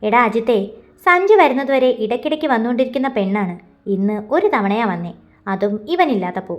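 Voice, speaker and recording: A woman's voice: on the high side, lively intonation, brisk, lightly acted. A woman voicing Chakku, a scheming young male friend in a storybook, eager and conspiratorial.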